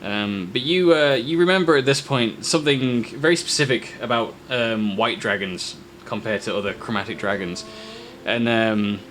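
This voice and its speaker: A man acting as game master, telling an improvised tabletop adventure in short, halting, descriptive phrases. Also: mid-range voice, a bit bright. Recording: faint background noise.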